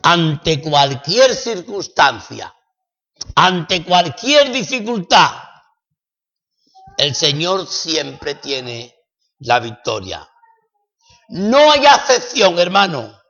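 Dramatic Spanish preacher in an echoey hall. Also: male voice, a little high, big pitch swings, drawn-out words, long pauses. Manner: dramatic, swings between loud and hushed. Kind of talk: sermon. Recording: echoey hall, dull lo-fi sound.

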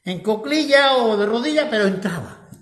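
A man preaching a sermon, asking rhetorical questions and swinging between loud and soft. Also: sits high, expressive, normal speed, roomy sound.

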